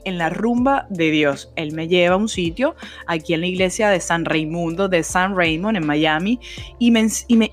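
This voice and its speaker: A woman with a Venezuelan accent hosting a podcast, telling her personal faith story with emotion and passion. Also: fairly low pitch. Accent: Venezuelan Spanish. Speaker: podcast host.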